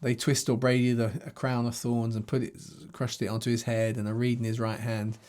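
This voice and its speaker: This self-recorded video features a Bible teacher whose mid-range voice is a little mellow, level in tone, and fairly quick. He reads scripture aloud and explains it conversationally, thinking out loud and backing up to restart.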